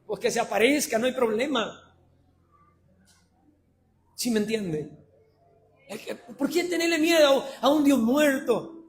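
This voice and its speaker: A man preaching a sermon, swinging between shouted passionate lines and low conversational asides. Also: unhurried, long pauses, a little hiss or hum.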